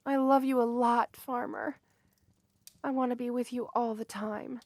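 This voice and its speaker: In this romantic ASMR roleplay, a woman voices a shy, sweet and earnest young woman whose high voice stays steady and unhurried, though she's gently flustered and tends to falter mid-phrase. Her mood is soft and nervous, captured in a dry, close recording without any room sound.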